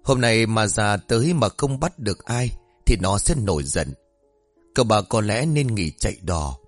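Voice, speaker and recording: A man voicing a frail, superstitious old grandmother in her seventies, who speaks in a weak, slow, whispery voice. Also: on the low side, lively intonation, dry recording, faint music behind. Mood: fretful.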